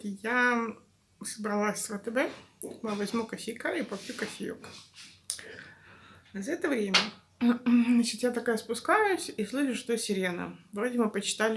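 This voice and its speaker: A woman vlogger, chatting casually and confidingly to her followers in a rambling, informal way. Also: mid-range voice. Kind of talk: casual vlog chat to followers. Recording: clear background noise, home-made vlog.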